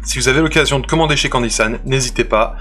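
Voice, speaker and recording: A man's voice: mid-range voice, fast talker, pushed and bright. A man hosting a casual unboxing video, chatty and playful, often restarting his sentences. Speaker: unboxing channel host.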